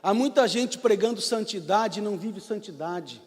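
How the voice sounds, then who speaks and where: High-voiced impassioned Brazilian pastor. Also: male voice, animated, normal speed. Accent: Brazilian Portuguese. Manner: impassioned, rising to shouts. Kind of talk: sermon. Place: church. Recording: church hall reverb.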